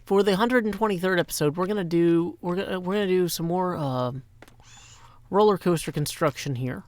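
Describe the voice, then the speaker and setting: A middle-aged man from Nashville, Tennessee chats playfully on a live stream through a microphone on a stand, sounding a little tired. His high-pitched voice runs a little fast, tossing out rhyming asides and long lists of greetings.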